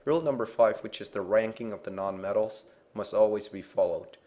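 A man with a fairly low voice walks through a chemistry lesson. He explains step by step, pausing to check in with "okay?", in a patient teacher's manner. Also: mellow. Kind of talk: explaining slides in a lecture.

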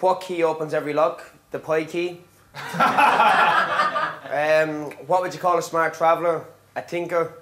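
A man's voice: on the high side, little pitch movement, unhurried, long pauses, a bit bright. A man comedian telling short jokes in an easygoing, joking way. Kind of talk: stand-up jokes and interview.

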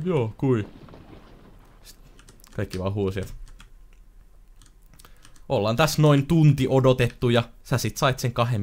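A man playing a video game with a friend, chatting casually and telling a long story, with sudden loud outbursts, keyboard typing audible. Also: medium pitch. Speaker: gamer co-host. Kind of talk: casual let's-play chat.

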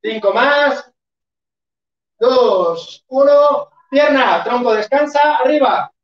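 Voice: sits high, lively intonation, slow. Echoey lo-fi fitness instructor counting reps. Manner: counts reps and urges the class on, sometimes shouting. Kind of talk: live online workout class. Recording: echoey room, far from mic, dull lo-fi.

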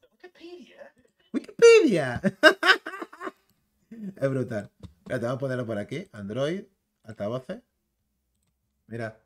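A slangy, chatty man from the Canary Islands talks through a video clip in a relaxed commentary style. His voice sits a little high for a man, and he keeps dropping filler tags into his sentences. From Canary Islands, Spain. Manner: chatty, slangy, keeps tagging phrases with "tío" and "¿vale?". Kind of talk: casual commentary reacting to a clip.

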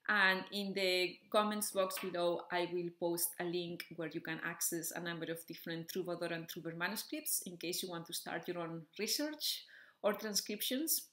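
A woman's voice: lowish voice, fairly even intonation, normal speed, pushed and bright. Woman teaching in an echoey room. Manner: clear, methodical, with frequent "okay" and "so" check-ins. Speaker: music educator. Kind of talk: explanatory video lesson.

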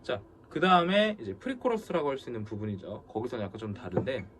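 Male guitar teacher, animated delivery, talks over loud strumming in a music studio. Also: medium pitch, quick pace. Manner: counts beats aloud over loud guitar playing. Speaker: guitar instructor. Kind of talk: guitar lesson with counting.

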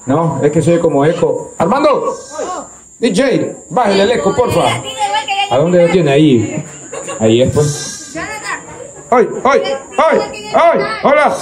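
A man with a Salvadoran accent hosting a casual live stream, joking and counting into a mic for a sound check, his voice ringing with a heavy cathedral-like echo from a loudspeaker. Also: fairly high pitch. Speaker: streamer hosting a subscriber celebration. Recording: loud echo through a speaker, crowd behind.

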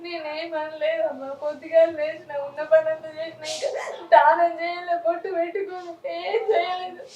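Woman as a sobbing Telangana village daughter, very high voice, roomy distant sound, music behind. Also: flat delivery, moderate pace, highs cut off. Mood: tearful. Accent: Telangana Telugu. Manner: tearful, complaining. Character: grown village daughter sobbing to her mother by phone.

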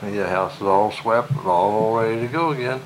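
A man narrating a family home video from behind the camcorder, chatty and relaxed, recorded on an old VHS tape. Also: fairly low pitch, moderate pace, noisy background. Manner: relaxed, chatty, mumbling asides. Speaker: home video camera operator. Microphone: camcorder built-in mic.

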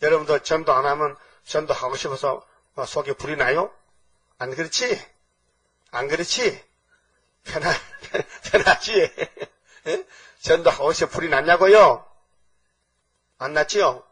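An older man preaching, his voice husky and a bit breathy. He talks emphatically and keeps tossing short rhetorical questions at the congregation. He sounds a little far from the microphone. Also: fairly high pitch, normal speed, long pauses, fairly bright tone. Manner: emphatic, peppers talk with rhetorical checks to the congregation. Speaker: pastor. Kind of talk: sermon. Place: church sanctuary. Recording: voice from far off the mic.

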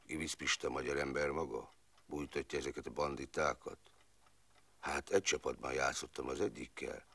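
A gravelly, rueful old-timer. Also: male voice, extremely low pitch, a bit bright, no echo, exaggerated voice. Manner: rambling storyteller, clauses strung on fillers. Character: rueful, plain-spoken man recalling wartime years. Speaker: former footballer telling his past. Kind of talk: film monologue.

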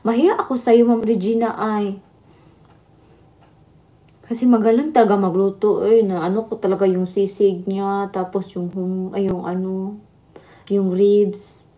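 A woman's voice: mid-range voice, steady tone, a little slow, long pauses, dark tone. Chatty woman livestreaming. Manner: chatty, laughing, switching between Tagalog and Visayan. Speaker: livestream host. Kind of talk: casual live chat with viewers.

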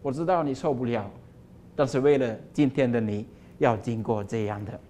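A man voicing a patient male potter who speaks in a low, quiet, unhurried way during a homily story. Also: a little hiss or hum, natural voice. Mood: calm.

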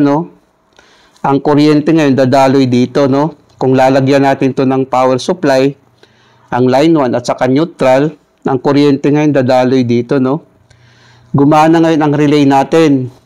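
A man's voice: on the high side, warm tone. A middle-aged Filipino man with missing front teeth gives a casual instructional explanation, often checking in with listeners. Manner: frequent "no?" check-ins, addressing viewers informally. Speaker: electrical technician giving a tutorial. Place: small indoor room at a table.

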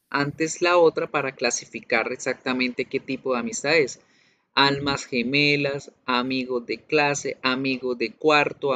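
Slow-speaking male teacher explaining to students. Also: medium pitch, pushed and bright. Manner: explanatory, addresses students directly with frequent check-ins. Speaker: English teacher. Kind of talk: online class lesson. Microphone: computer mic in a video class.

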